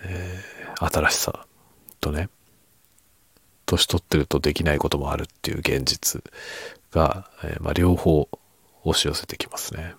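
A middle-aged man chatting softly and casually late at night in a husky, hushed murmur that drifts into whisper, unhurried and trailing off. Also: extremely low pitch, steady tone, no echo. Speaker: podcast and ASMR creator.

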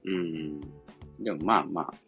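Laid-back deep-voiced man, muffled audio. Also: unhurried, creaky. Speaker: co-host on a chat stream. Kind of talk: casual chat. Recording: dull lo-fi audio, faint music behind. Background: faint music.

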